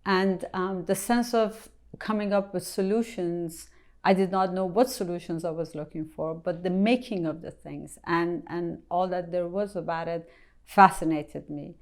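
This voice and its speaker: Low-pitched woman, smooth and hesitant. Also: measured pace. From Iran. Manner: thoughtful, hesitant with many ums. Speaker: company president, guest. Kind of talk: interview answers.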